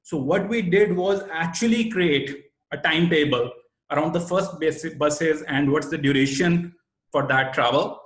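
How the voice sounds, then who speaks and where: A man's voice: on the high side, unhurried, fairly bright tone. A man with an Indian accent giving an explanatory webinar presentation in a didactic way, stressing his key points. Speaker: webinar presenter, SEO expert. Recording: roomy, echoey sound.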